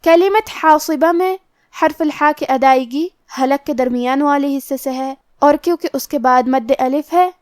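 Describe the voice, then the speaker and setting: Brief: female tajweed teacher, high voice, methodical, dry close mic. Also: no room sound. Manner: slow, methodical explanation of each letter rule. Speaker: Quran recitation teacher. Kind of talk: tajweed lesson explaining rules.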